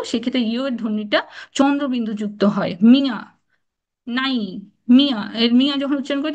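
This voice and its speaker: A young woman teaching pronunciation rules in a live lecture, chatty and quick, often checking in with her students. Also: on the high side, muffled recording. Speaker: online exam-prep teacher.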